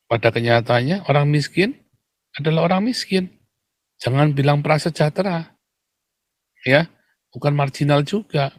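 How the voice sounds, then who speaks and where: Provocative preaching man, dry sound. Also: dry recording. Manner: provocative, repeatedly asks the audience and answers himself; swings between loud emphatic bursts and low mutters. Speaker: preacher addressing an audience. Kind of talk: preaching monologue.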